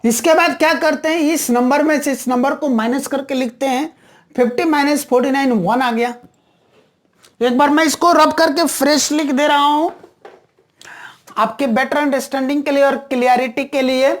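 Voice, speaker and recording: A woman's voice: high-pitched, fairly even intonation, moderate pace. A woman teaching a maths lesson, patiently repeating each step and answering her own questions.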